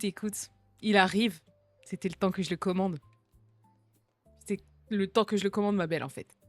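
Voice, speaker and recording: A young woman, a streamer chatting casually and answering viewer messages with slang, jokes and reassurance. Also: mid-range voice.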